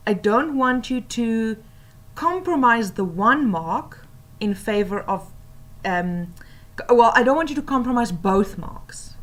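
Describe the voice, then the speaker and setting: A woman teacher explaining tips for oral reading assessments, patiently and with many pauses and fillers. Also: fairly high pitch, a bit bright.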